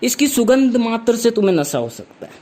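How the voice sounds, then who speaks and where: A man's voice: very high voice, very animated, a little fast, warm tone, voice pushed up. A man voicing a stern, theatrical woman schoolteacher who lectures her class in a solemn, over-dramatic way. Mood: preachy.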